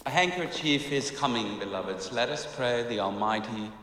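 An actor playing a pious cult preacher in a film comedy, praying in a reverent, declamatory way. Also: male voice, mid-range voice, expressive, moderate pace, fairly bright tone, natural voice. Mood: reverent, solemn. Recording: large echoing hall, faint noise.

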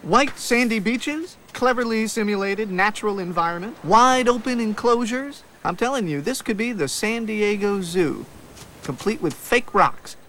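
A man voicing a fussy, anxious male animal in an animated comedy film, complaining dryly. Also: high voice, normal speed, slight background noise. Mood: wondering. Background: music.

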